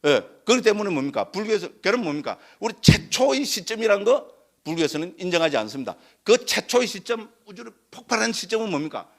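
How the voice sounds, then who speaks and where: Older monk lecturer, lively up-and-down delivery, chatty, keeps seeking agreement. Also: male voice, sits high, fast talker, vocal fry. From Korea, Gyeongsang region. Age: 60s. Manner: conversational, keeps asking the audience for agreement. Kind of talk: Dharma lecture with personal story.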